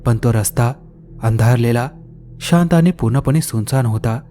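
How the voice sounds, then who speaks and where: A man's voice: medium pitch, moderate pace, dark tone, soft background music. Man narrating a horror story.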